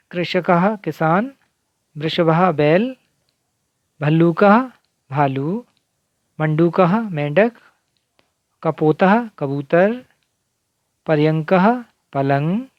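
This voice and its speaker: A male teacher gives a recorded lesson at a very slow, deliberate pace, breaking each word into its syllables. His voice sits at an ordinary middle pitch. The recording sounds dull and lo-fi, with a dry, close sound. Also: dry recording. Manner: slow, carefully spelling out syllables. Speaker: Sanskrit teacher.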